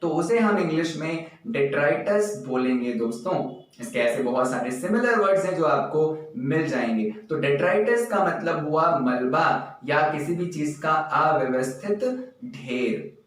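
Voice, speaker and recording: A young Indian man teaches exam vocabulary at a slow, careful pace, spelling words out letter by letter. His voice sits a little high. The room is very echoey. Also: expressive. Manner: addresses viewers as friends, gives example sentences.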